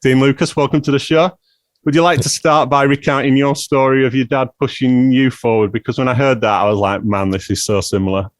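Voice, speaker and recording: A man's voice: medium pitch, fairly even intonation, brisk, no room sound. A British man in his forties hosting a podcast, talking candidly and reflectively about his own past. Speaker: podcast host. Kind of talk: conversational podcast intro and interview.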